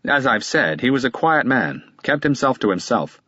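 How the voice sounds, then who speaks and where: A man's voice: mid-range voice, very animated, moderate pace, sharp tone, husky, no room sound, muffled recording, voice pushed up, heavily acted. A man voicing a guarded middle-aged male lawyer who answers in a clipped, impatient way. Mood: defensive.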